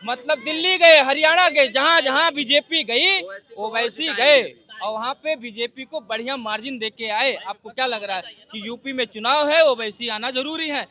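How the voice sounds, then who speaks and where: A man's voice: very high-pitched, normal speed, bright, forceful tone. A male reporter interviewing people, nodding along with short affirmations and prodding with pointed questions. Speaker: street reporter. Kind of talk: street interview.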